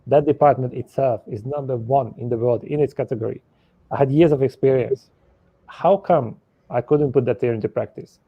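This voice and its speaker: A man's voice: mid-range voice, dry recording. Matter-of-fact male guest, dry dull sound. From Hungary. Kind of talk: conversational storytelling. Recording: dry, lo-fi audio.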